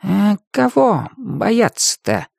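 Man doing a slow pedantic talking cat. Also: extremely high pitch, expressive, creaky, fairly bright tone, no room sound, studio quality, pitched above the performer's own voice, exaggerated voice. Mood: sulky. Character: know-it-all talking male cat, touchy.

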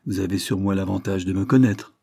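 A man's voice: low-pitched, brisk, vocal fry, a little mellow, slightly rough, no echo, clean studio sound, exaggerated voice. A man voicing an ironic, ceremonious young male engineer who speaks in a mock-formal, wry way. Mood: polite.

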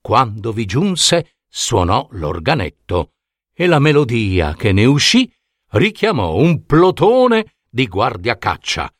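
A man with an Italian accent narrating a fairy tale in an expressive scripted reading. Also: medium pitch, no room sound, studio quality. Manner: expressive, unhurried. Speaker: storyteller.

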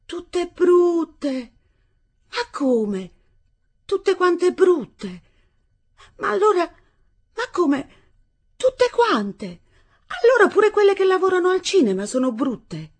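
A woman's voice: high-pitched, very animated, moderate pace, a little mellow, pitched above the performer's own voice, exaggerated voice. A woman voicing a timid, naive young bride who pleads in wide-eyed disbelief, in a storybook reading. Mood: indignant.

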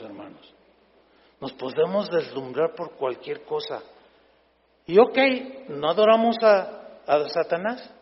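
A Mexican pastor preaches in a high-pitched voice, emphatic and playful, often turning to address his listeners directly. His voice sounds dull and echoes with a long tail around a church hall. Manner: emphatic, humorous preaching that keeps addressing the congregation. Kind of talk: sermon.

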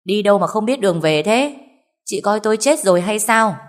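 A woman voicing a shrill, berating older stepmother in a storybook reading. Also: lively intonation, fairly quick, natural voice. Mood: scolding.

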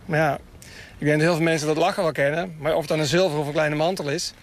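A man's voice: a little high, fairly even intonation, quick pace. A man chatting casually and enthusiastically outdoors for radio, explaining bird calls. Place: outdoors, near water in a town. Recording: outdoor field recording with background noise. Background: gulls calling.

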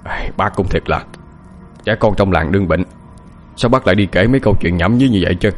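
A man's voice: low voice, fast, soft background music, natural voice. An actor playing an irritable elderly village man who scolds and questions urgently. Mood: irritated.

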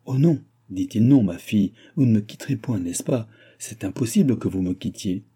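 A man reads an aging king who is proud yet fond of his daughter. The voice sits low and very dark, with a husky grain. It is a plain audiobook reading, with little change from the reader's own voice. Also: lively intonation, normal speed. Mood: pleading.

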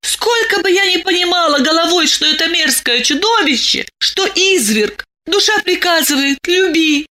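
A very high, fervent young girl in love, as a woman reader puts her on. She pleads and insists with bright, lively feeling, close to tears. It is a storybook reading. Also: normal speed, hardly any pauses, heavily acted. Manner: fervent, pleading, tearful at times. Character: young woman, lovestruck, emotional, dreamy. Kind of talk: audiobook character voice.

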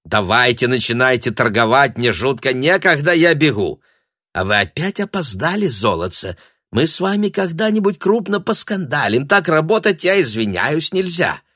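A chatty, fussy shop owner talks in a hurried, chirpy way, voiced by a male narrator. His voice lifts above the reader's low register. The sound is dry and close. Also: animated, a bit bright, dry recording.

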